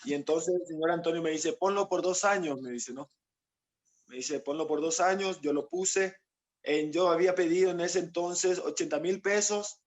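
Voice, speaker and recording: Speaking at a moderate pace in a voice on the high side, this footballer guest from Paraguay rambles through his life story in an interview. He quotes other people and keeps adding "¿no?" tags.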